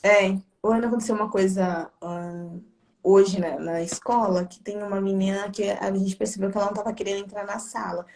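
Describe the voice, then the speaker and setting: A Brazilian woman who works at a school, hosting a casual chat and telling a story in a relaxed way. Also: medium pitch, brisk, creaky, slight background noise. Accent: Brazilian Portuguese. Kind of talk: casual conversation.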